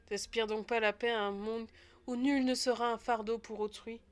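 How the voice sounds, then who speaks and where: A woman's voice: a little high, fairly even intonation, moderate pace, clean tone, natural voice. Brief: stern, heavy male leader, Russian accent, put on by a woman.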